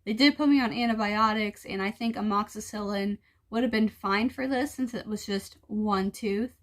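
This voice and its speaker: A woman's voice: mid-range voice, normal speed. A woman talking casually to viewers in a personal vlog, explaining things in a conversational, mildly exasperated way. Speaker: vlogger.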